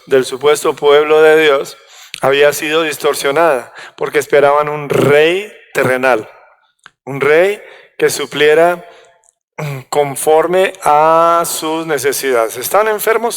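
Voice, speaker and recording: A man preaching a sermon to a congregation, halting and restarting as he corrects himself. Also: a little high, clean tone. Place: church hall. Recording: long hall reverb.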